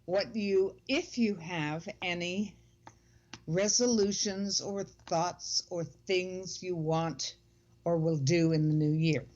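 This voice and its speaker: A woman's voice: lowish voice, takes it slowly, a little mellow. Blunt lady cohost, laughs a lot, kinda muffled lo-fi audio. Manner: blunt, dismissive, laughs easily. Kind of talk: casual radio chat. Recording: dull lo-fi audio.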